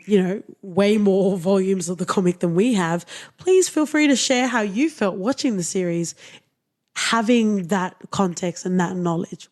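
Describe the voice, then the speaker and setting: A woman hosting a relaxed podcast and talking through a TV series at length. Her voice sits at a medium pitch, and she comes across as opinionated and playfully teasing toward her co-host. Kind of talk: casual TV review chat.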